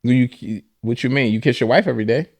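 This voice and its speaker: A man's voice: medium pitch, fast talker. A man hosting a podcast in casual chat, speaking thoughtfully and restarting his sentences as he works through an idea. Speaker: podcast host.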